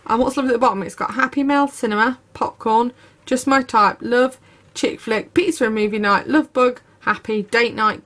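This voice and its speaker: A woman, narrating a craft unboxing video with gushing enthusiasm. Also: on the high side. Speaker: craft YouTuber. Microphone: camera over tabletop, speaker off screen.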